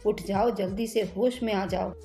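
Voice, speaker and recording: A woman voicing a young husband who speaks softly and affectionately. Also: medium pitch, steady tone, normal speed, faint music behind, close to an everyday voice. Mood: tender teasing. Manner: soft, affectionate. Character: loving young husband, gentle and teasing.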